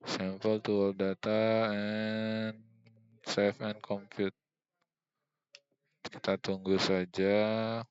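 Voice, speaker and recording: Young male student, screen-tutorial narrator, smooth clear tone, slow hesitant thinking-aloud delivery. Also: on the low side, flat delivery, no room sound, dull audio. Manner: hesitant, many fillers, thinking aloud while clicking. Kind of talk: screen-recorded software tutorial.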